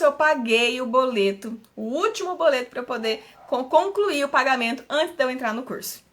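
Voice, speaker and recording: A woman's voice: on the high side, fairly bright tone. A woman from Brazil, a mentor giving an earnest, personal motivational talk on a live stream, often repeating and restarting her phrases.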